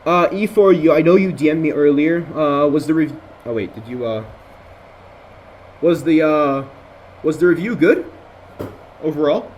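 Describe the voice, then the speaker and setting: This young Jordanian man, American-accented, talks in a slightly high, somewhat mellow voice at normal speed with long pauses. He's a student lecturer rambling casually through an online review session over a voice call, full of fillers and restarts. The computer-mic sound is lo-fi with a little hiss or hum.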